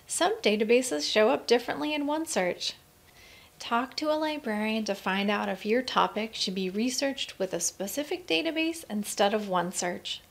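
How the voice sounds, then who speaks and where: A woman narrating a scripted screencast tour of a college library website, reading in a clear, friendly instructional way. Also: a little high.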